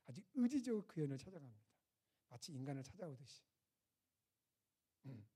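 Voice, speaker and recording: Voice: medium pitch, very animated, a little fast, warm tone, husky. A preacher at a winter retreat, retelling a scripture story in a conversational way and putting rhetorical questions to the audience. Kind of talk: storytelling sermon.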